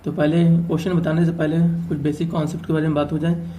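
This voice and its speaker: Man teaching math in a flat, mellow voice. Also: a little high, fast. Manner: explains step by step, often checking with "ठीक है". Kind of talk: exam-prep math lesson.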